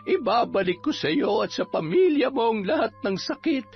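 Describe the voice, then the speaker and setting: A performer playing a stern old folk healer who gives deliberate, threatening commands. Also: mid-range voice, big pitch swings, creaky, lo-fi sound, pitched below the performer's own voice. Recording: band-limited audio with music behind.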